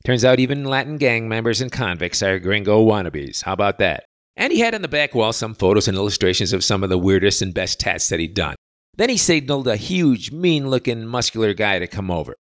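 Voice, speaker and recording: A man's voice: fairly low pitch, sing-song, brisk. A man hosting a podcast, delivering a sardonic monologue in a mocking, sarcastic manner. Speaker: podcast host. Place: living in Latin America.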